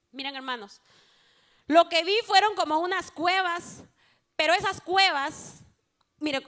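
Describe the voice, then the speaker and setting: A woman giving a fervent evangelical testimony to a church congregation, speaking straight to the listeners and swinging between hushed passages and loud exclaimed ones. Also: high voice. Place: church service.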